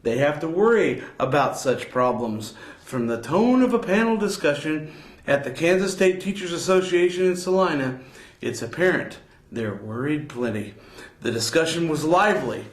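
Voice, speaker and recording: A man's voice: on the high side, animated, normal speed. Playful mock-scandalized man reading headlines. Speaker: co-host. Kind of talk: reading old news with banter. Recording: echoey room.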